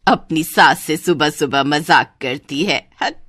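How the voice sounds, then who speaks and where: A woman voicing a stern, scolding middle-aged mother-in-law in a cartoon story, slow and commanding. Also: deep voice, fairly bright tone, no echo, clean studio sound, pitched below the performer's own voice.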